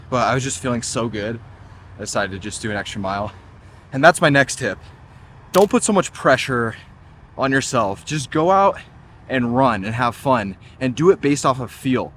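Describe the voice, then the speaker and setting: A man's voice: mid-range voice, a bit bright, a little hiss or hum. A young man in his twenties, chatting casually and upbeat while running outdoors and sometimes getting out of breath. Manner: upbeat, chatty, lots of "like" and "just". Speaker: running vlogger. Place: outdoors on a trail.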